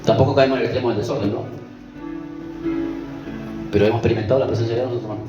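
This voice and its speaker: A man's voice: medium pitch, steady tone, very fast, highs cut off. Man preaching in an echoey church. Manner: conversational, keeps asking the congregation "¿vio?" and "¿sí?". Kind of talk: sermon. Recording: echoey church with music behind.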